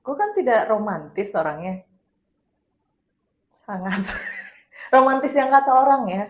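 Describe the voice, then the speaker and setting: A woman's voice: fairly high pitch, animated, measured pace. A woman co-hosting a casual chat, talking freely about herself, humming agreement and laughing as she speaks. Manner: chatty, frequent hums of agreement, laughs as she talks.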